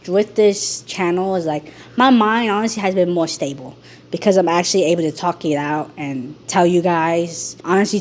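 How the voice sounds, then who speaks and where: A woman talking frankly in a rambling personal vlog, her voice rough from being sick. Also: medium pitch, darkish tone, slight background noise. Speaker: YouTuber.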